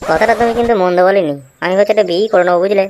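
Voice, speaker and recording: A woman's voice: mid-range voice, rapid-fire, music in the background, lightly acted. A woman voicing a grumpy tea-stall customer. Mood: grumbling. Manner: complaining, short-tempered. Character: grumpy fed-up male customer. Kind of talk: comic cartoon voice acting.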